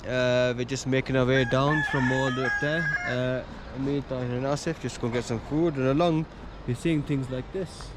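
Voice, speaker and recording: A man's voice: medium pitch, fairly even intonation, moderate pace, hardly any pauses. Male motorbike vlogger, mid-range voice, casual running commentary, noisy outdoor action-camera sound. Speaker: travel vlogger on a motorbike tour.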